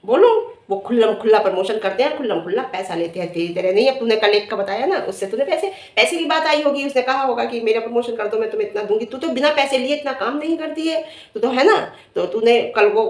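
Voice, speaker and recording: A middle-aged woman on her vlog, scolding and taunting a rival she speaks to head-on. Her voice sits fairly high, and the room rings with a clear echo. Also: quick pace, hardly any pauses. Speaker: vlogger. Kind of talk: confrontational vlog rant. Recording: echoey room.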